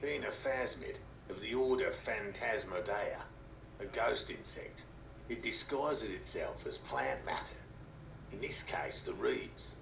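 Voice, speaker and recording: A man's voice: on the low side, animated, unhurried, vocal fry. An actor playing a middle-aged male cryptozoologist who talks in a dry, lecturing, slightly sarcastic way. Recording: roomy distant game audio with hiss.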